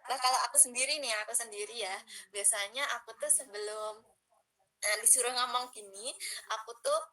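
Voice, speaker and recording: Young woman, bright and forceful voice, casual public speaking coach, chatty with lots of fillers. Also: fairly high pitch, fairly quick, poor audio. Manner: chatty, many fillers, coaching breathing drills. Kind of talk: casual online workshop talk.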